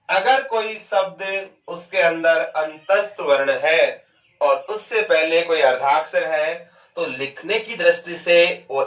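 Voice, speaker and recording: A man teaching Hindi grammar in a lecture. He asks questions and answers them himself, and he draws words out slowly to show how they sound. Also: a little high, a bit bright, far from the mic. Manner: stretches out words to show pronunciation. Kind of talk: classroom lecture. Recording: dull, echoey and off-mic.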